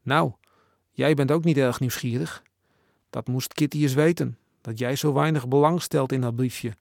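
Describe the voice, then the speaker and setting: A cheeky younger sister needling her brother, as a male narrator puts her on. The voice stays near his own gravelly tone. The sound is dry and close. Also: medium pitch, fairly even intonation, normal speed, no echo, close to an everyday voice. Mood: teasing. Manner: teasing.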